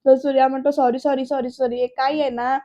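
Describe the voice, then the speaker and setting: A woman's voice: sits high, little pitch movement, fairly quick, dark tone. A woman narrating a voice-over recap of a TV serial episode. She talks straight to the viewers and reads the characters' lines aloud, mostly plainly. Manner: retells scenes, addressing viewers directly.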